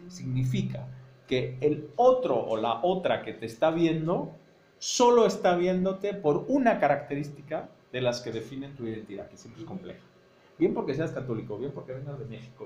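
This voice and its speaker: A man's voice: mid-range voice, lively intonation, normal speed, a little mellow, dull audio, a little hiss or hum. Man from Madrid explaining in an echoey classroom. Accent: Spanish from Spain, Madrid. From Spain (Madrid). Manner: explanatory, thinks aloud, checks understanding with frequent "¿no?". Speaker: university teacher. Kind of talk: seminar lecture with discussion.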